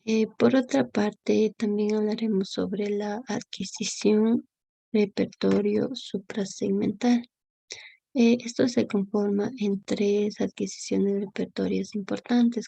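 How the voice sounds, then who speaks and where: A young woman giving a class presentation, halting with many fillers and restarts. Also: mid-range voice, flat delivery, gravelly, dark tone, husky, dry recording. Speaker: student presenter.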